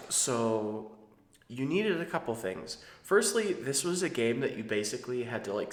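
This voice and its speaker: A man in his thirties gives casual, rambling commentary as a channel host. His delivery is conversational and digressive, and the recording has a strong roomy echo. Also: medium pitch. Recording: roomy, echoing sound.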